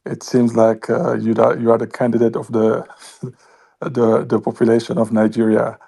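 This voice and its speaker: A man from West Africa, an audience member asking a long question at a public event, talking haltingly with many pauses. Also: medium pitch, monotone, gravelly, warm tone, breathy edge. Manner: halting, many fillers and restarts.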